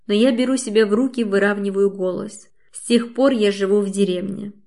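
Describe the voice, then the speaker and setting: A woman's voice: mid-range voice, fairly even intonation, a little fast, mellow. A woman reading a novel aloud in the first person, with intimate, emotional storytelling. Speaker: audiobook narrator. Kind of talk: first-person audiobook narration.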